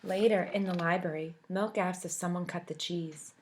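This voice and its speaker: A woman teacher reads a picture book aloud to children, expressive and animated, stopping to ask her young listeners questions. Her voice sits fairly low and she speaks at a normal speed, with background noise present.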